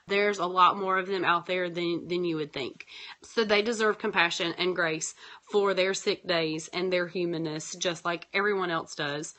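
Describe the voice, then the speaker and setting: A pharmacist in her thirties hosting her podcast with a raspy voice from a sore throat, talking casually with lots of filler words. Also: medium pitch, sharp tone. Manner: rambling, many fillers, talks through frustrations. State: hoarse from a sore throat and sinus infection. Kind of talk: casual monologue.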